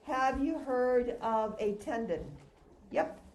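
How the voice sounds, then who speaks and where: High-voiced woman lecturing through a face mask. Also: slow pace, a little mellow. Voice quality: slightly muffled, talking through a face mask. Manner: conversational, quizzing listeners with questions and answering them. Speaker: lecturer teaching anatomy and histology. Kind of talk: classroom lecture. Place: lecture room, recorded as audio. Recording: roomy, echoing lecture room with background noise.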